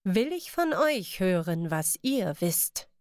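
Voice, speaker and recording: Lady doing a sneaky smooth thief guy, low and hushed, takes his time. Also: very animated, dry recording, clean studio sound. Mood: sly, hushed. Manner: low, slow and conspiratorial. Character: sly, smooth-talking male master thief. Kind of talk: audiobook character voice.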